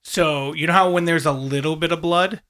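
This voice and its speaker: A man's voice: a little high, fairly even intonation, normal speed, fairly bright tone. A man playing a tabletop role-playing game, joking and arguing in character. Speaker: player. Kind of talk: casual tabletop play.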